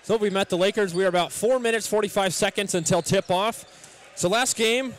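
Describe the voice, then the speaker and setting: High-voiced man announcing a pregame. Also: brisk, slight background noise. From United States. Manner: scripted welcome, stat rundown with fillers. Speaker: play-by-play announcer. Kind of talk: pregame sports broadcast.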